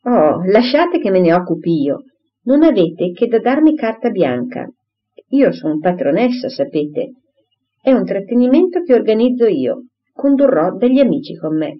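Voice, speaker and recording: A woman's voice: mid-range voice, big pitch swings, normal speed. A woman doing a pompous, gushing society lady. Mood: eager, pushy. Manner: gushing, insistent, talks over others. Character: pompous, bossy, self-important married lady. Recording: dull lo-fi audiobook recording.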